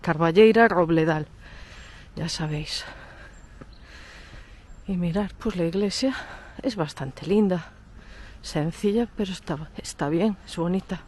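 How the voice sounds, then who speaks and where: A woman's voice: lowish voice, unhurried, pauses often, a little mellow, slight background noise. Nasal, congested woman vlogging. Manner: chatty, pointing things out as she walks. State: stuffy cold, congested. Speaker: travel vlogger, host. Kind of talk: casual guided tour. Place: outdoors in a village.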